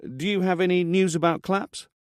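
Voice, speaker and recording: A man's voice: high voice, steady tone, moderate pace, clean tone, no echo, studio quality, pitched above the performer's own voice, natural voice. A man voicing a brash, cynical male TV producer who talks pushily and emphatically. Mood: pushy.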